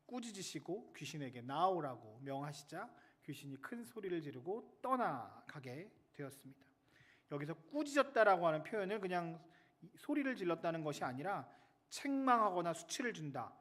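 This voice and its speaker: High-voiced male chaplain, lively sermon, chats with the kids in the pews. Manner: lively, chatty, jokes with the children in the pews. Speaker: military chaplain pastor.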